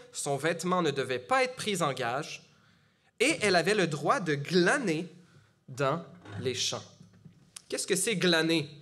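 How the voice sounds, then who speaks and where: A middle-aged man from Gatineau, with a slightly high, sharp voice and a Quebec French accent, preaches a sermon in a church. His delivery is conversational, with frequent fillers and restarts.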